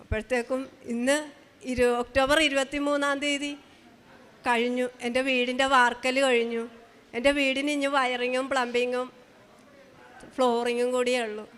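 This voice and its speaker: A woman giving an emotional, halting personal testimony at a shrine. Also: sits high, little pitch movement, fairly bright tone, smooth, big-room sound.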